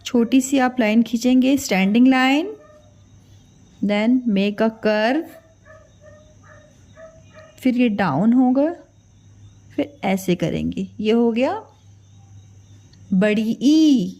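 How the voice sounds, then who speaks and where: Woman teacher for a kids' alphabet lesson, very slow and patient, mellow tone, repeats sounds, drops in English drawing words. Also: on the high side. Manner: patient, repeats each sound and quizzes the children; mixes English drawing words into her talk. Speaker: Hindi teacher.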